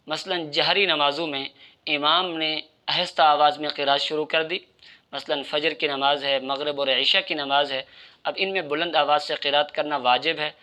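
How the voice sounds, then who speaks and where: A man's voice: on the high side, pushed and bright. A man giving religious instruction in a methodical, explanatory way, addressing his listeners directly. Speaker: Islamic religious teacher.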